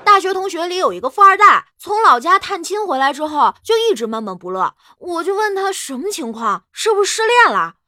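A woman co-host reads comic sketches. Her high, bright voice is lively and expressive. Her pitch swings widely as she tells the stories. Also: fairly quick, hardly any pauses, no room sound. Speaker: podcast co-host.

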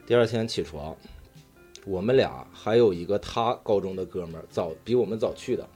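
A man from Daqing in northeastern China, speaking with a Northeastern Chinese accent, swaps personal stories among friends like a talk show storyteller, earthy, slangy and with some swearing. His voice is low-pitched, a little mellow and husky, at a moderate pace. Soft music plays in the background.

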